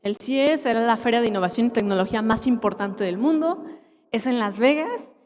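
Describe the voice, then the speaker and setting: Young Mexican woman, conference speaker, storytelling, higher voice, reverberant hall. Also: fairly quick, a little mellow. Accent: Mexican Spanish. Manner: storytelling, acts out quoted dialogue. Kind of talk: motivational conference talk. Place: large lecture hall.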